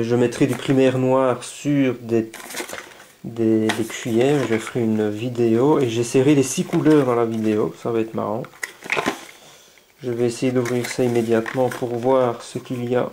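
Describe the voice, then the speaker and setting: A man casually unboxing paints, chatty and enthusiastic, thinking aloud and haltingly reading labels. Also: mid-range voice, steady tone, noisy background. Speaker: scale model hobbyist.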